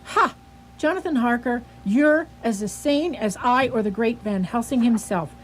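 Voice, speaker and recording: A woman playing a brisk, authoritative asylum doctor in a radio drama, resolute and emphatic. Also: on the high side, a little hiss or hum, lightly acted. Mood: commanding.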